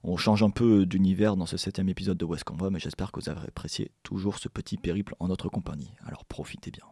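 A man's voice: low voice, steady tone, quick pace, dark tone. A man co-hosting a music show, chatting casually and teasing his co-host. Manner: joking, teasing.

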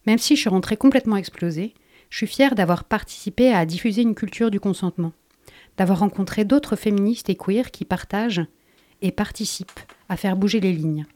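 A woman with a mellow, darker voice reads her prepared radio column. She keeps a measured, pointed delivery throughout, steady in pitch and level.

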